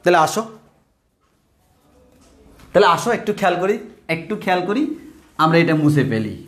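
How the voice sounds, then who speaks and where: A man tutors math at a whiteboard in a fairly high voice. He calls his students brother, says phrases twice and slows right down on each formula. The room around him is echoey. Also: very animated. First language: Bengali.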